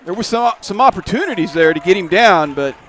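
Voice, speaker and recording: A man doing play-by-play of a high school football game from a stadium press box, folksy and relaxed. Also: a little fast, a faint crowd, a little hiss or hum. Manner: folksy, relaxed, rises when a play starts. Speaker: play-by-play announcer.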